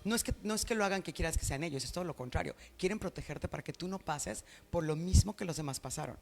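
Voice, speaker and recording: Brisk man, talk-show guest, fast and fairly high-pitched. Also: creaky. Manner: fast, animated and explanatory. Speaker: guest expert. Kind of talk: conversational explanation.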